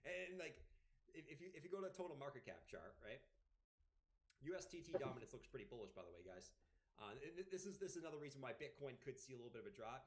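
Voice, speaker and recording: A man talks through his live trading stream in a loose, rambling way. He stumbles and repeats words, then drifts into sarcastic jokes about the latest economic headlines. His pitch sits in an ordinary middle range. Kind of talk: casual live-stream market commentary.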